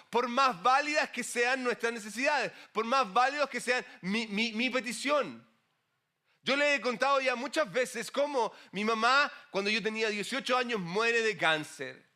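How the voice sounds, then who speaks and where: A middle-aged male pastor giving a conversational, animated sermon with frequent asides to the congregation. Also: very high voice.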